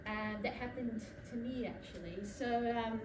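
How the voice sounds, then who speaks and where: In a lecture room, a young Brazilian academic tells a story during her conference presentation, her voice a touch high and her Brazilian accent colored by New Zealand vowels. She pauses on ums and restarts often. The mic is far away, catching her across an echoey room amid background noise.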